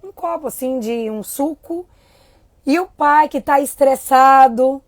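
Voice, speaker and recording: A woman giving a motivational talk to a live audience, lively and full of questions to the crowd. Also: high-pitched, a little slow, no echo. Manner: acts out a child's inner voice. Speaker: speaker.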